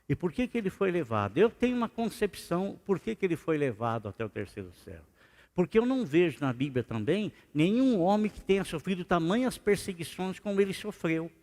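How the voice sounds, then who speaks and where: Male pastor, higher voice, chatty questioning sermon, echoing church. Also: a little mellow. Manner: conversational preaching with rhetorical questions. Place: church sanctuary. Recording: reverberant church hall.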